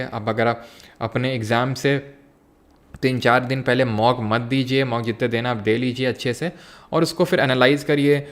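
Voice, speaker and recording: A young man teaching a live online exam-prep class, mixing Hindi with English terms and answering viewers' chat questions. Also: medium pitch.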